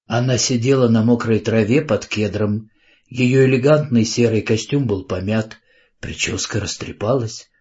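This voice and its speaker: A man narrating an audiobook in a calm, even storytelling manner, on a dull lo-fi recording. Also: lowish voice, moderate pace.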